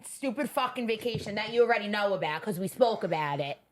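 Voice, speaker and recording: Fast-talking, profane woman co-host. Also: medium pitch, lively intonation, a loud crowd. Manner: blunt, profane storytelling. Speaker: podcast co-host. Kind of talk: casual chat.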